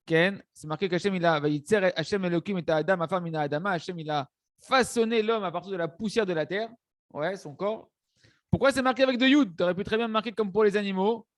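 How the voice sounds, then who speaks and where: A man a rather high voice teaches a religious text, checking in his listeners as he goes. He restarts phrases often and mixes in words. The recording is close and dry. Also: a little fast, no echo. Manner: hesitant restarts, frequent "hein" and "d'accord" checks. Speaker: Torah teacher. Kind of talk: religious lesson explaining a text.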